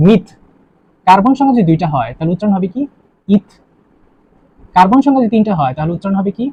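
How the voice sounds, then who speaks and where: A man's voice: sits high, mellow, a little hiss or hum. A young man teaching a chemistry lesson online, who keeps asking the class questions and repeating the answers. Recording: dull lo-fi recording.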